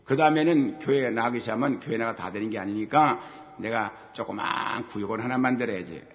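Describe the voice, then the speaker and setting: A middle-aged male pastor giving a sermon, telling personal stories. He acts out dialogue and swings between loud exhortation and quiet asides. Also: medium pitch, vocal fry. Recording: long hall reverb.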